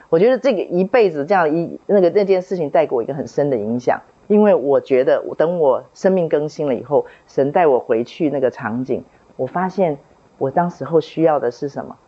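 A woman in her late fifties shares a childhood memory, earnest and reflective, circling back over her words as she recalls. Her voice sits low. The recording is a little dull and lo-fi. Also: mellow, slightly rough. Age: 50s. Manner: earnest, reflective, repeats herself while recalling. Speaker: book club member sharing a testimony. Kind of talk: personal storytelling.

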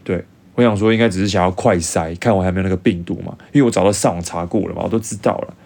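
Young man, Taiwanese Mandarin accent, low voice, animated casual storyteller. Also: very fast, creaky. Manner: animated, acts out dialogue in changed voices. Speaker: vlogger.

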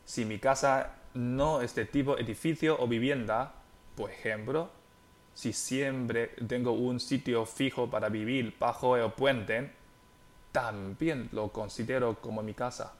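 A young man whose first language is Chinese, teaching in a podcast lesson, spelling out words and tones slowly and deliberately. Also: medium pitch, fairly even intonation.

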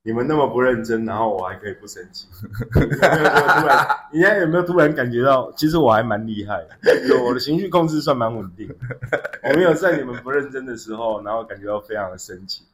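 A man's voice: medium pitch, lively intonation, fast, a bit bright. A man co-hosting a casual chat, teasing his partner with playful follow-up questions. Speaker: podcast co-host.

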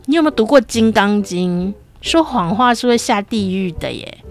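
A woman's voice: medium pitch, lively intonation, moderate pace, soft background music, lightly acted. A woman voicing a preachy middle-aged woman who sternly warns a child that lying is a sin. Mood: scolding. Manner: moralizing, stern.

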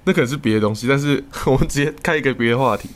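A young man from Taiwan, co-hosting a podcast in casual chat, telling stories quickly with lots of swearing. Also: medium pitch. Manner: rapid, swearing, animated storytelling. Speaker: podcast co-host.

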